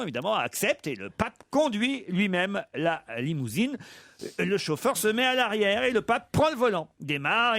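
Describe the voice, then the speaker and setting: A man telling jokes on a TV talk show in a studio, animated, with fillers and laughing at his own stories. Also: high-pitched, no room sound. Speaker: joke teller on a talk show. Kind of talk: telling jokes in a casual chat.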